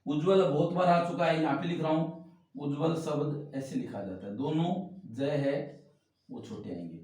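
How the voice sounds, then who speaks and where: A man's voice: on the high side, normal speed, darkish tone. A man teaching Hindi spelling to exam students, explaining each word as he writes it on a board. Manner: explains while writing on a board, repeating words. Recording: very echoey room, mic far off.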